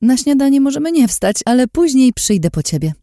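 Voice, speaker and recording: A woman's voice: high voice, very animated, a little fast, mellow, no echo, clean studio sound, voice pushed up. A woman voicing a sweet but scheming young woman who gives orders in an overly sweet, insistent tone. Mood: pushy.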